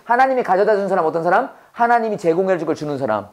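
Lively man teaching English. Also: sits high, very fast. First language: Korean. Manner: animated, drills phrases with call-and-response, laughs often. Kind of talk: Bible-based English lesson to a class.

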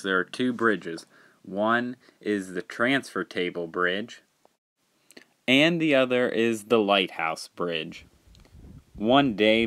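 A man narrating a homemade storybook tale in a plain, measured reading. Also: low voice, bright, forceful tone.

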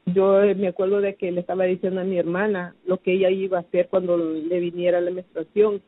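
A woman giving a personal testimony, recounting her past slowly and hesitantly, with many fillers and restarts. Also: on the low side, little pitch movement, no echo. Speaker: testimony giver. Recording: phone-like, dry narrow sound.

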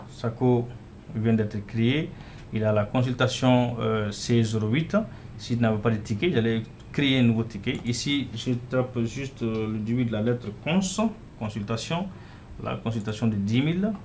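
A man with a fairly low voice talks through a software demo in a relaxed, unscripted way, filling pauses as he clicks from screen to screen. A faint background hum sits under his voice. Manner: casual, repeats "voilà" and "euh" while clicking through. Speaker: software developer demonstrating his app. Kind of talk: screen-recorded software walkthrough.

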